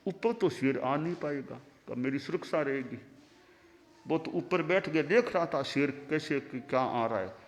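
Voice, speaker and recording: A man, a monk giving a discourse, telling a parable in a slow, animated storytelling manner. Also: fairly high pitch. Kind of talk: sermon storytelling. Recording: long hall reverb.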